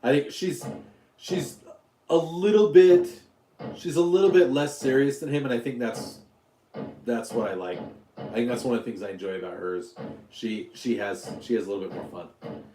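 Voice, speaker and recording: A man's voice: mid-range voice, normal speed, warm tone, reverberant, soft background music. A man from Utah hosting a casual live stream, rambling, joking and answering questions from his chat. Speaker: YouTube livestream host.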